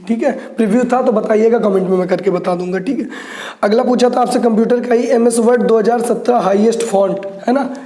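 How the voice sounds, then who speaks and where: A man teaching an exam-prep lesson in a chatty way, repeating each answer slowly as he writes it out. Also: sits high, warm tone, reverberant.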